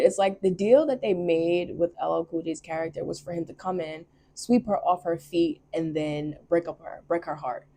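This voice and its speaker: A woman's voice: fairly low pitch, mellow. A young woman who reads tarot, talking casually and expressively and laughing often. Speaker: tarot reader. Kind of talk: casual chat.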